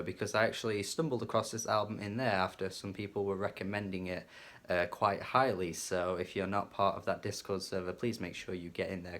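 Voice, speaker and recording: A man's voice: on the low side, fairly bright tone. A man casually reviewing a rock album, enthusiastic and chatty, with fillers and some swearing. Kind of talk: casual music review monologue.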